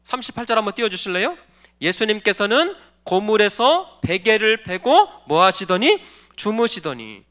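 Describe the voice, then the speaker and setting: A man's voice: high-pitched, very animated, moderate pace, sharp tone. A male pastor giving a sermon, posing questions to the congregation and answering them, and calling for the next slide. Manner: directs the slide operator between points.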